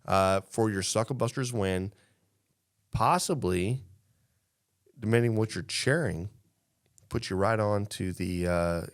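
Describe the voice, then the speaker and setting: A low-voiced podcast co-host argues his point in a casual, opinionated panel chat, speaking a little slowly with frequent pauses. He's emphatic and repetitive, often tacking "right?" onto his statements.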